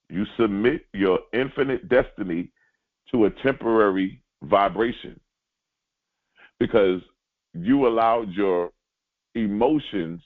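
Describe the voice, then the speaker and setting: A man giving a spiritual teaching, speaking directly to his listeners and repeating key lines slowly for emphasis. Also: fairly low pitch. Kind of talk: sermon-like teaching. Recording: tinny phone-like line.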